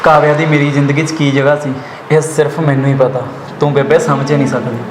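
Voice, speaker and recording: A young man with a Punjabi accent, acting a grieving widower and father who talks quickly and earnestly. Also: on the high side, level tone, noisy background, natural voice. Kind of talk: village drama acting. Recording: echoey room with loud background music.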